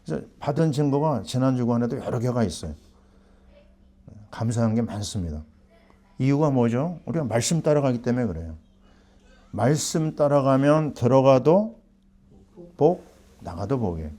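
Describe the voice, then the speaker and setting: A man's voice: mid-range voice, expressive, moderate pace, pauses often, dark tone. A middle-aged man preaching a sermon as pastor, asking the congregation questions and answering them himself.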